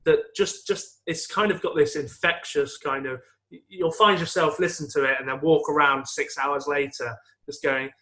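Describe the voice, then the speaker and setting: A man's voice: a little high, fairly even intonation, normal speed, pushed and bright. A man co-hosting a comedy podcast, rambling casually about songs, swearing and laughing as he goes. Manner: rambling, swearing, laughs often, sings song lines. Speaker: podcast co-host.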